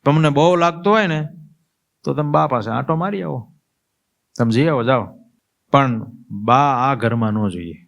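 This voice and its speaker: A man putting on a shrill, bossy angry wife. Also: animated, normal speed, gravelly, pauses often. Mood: angry commanding. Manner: snapping, commanding ultimatums.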